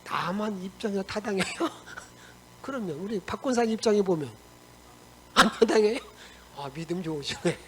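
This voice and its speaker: A male pastor preaching a lively Sunday sermon in a church, acting out characters' angry lines, putting questions to the congregation and laughing often. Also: high voice, normal speed, rough recording. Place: church sanctuary.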